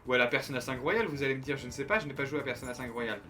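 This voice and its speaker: Racing through his words, this young man from France jokes and rambles to his viewers during a game stream, frequently starting over. His mid-range voice is pushed and bright, and light game music runs in the background.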